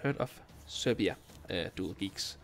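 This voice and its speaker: A young Danish man, not a native speaker, streaming a video game and chatting casually with viewers, with many ums and restarts. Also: sits low. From Denmark. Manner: relaxed, halting, lots of ums and restarts. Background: faint game music.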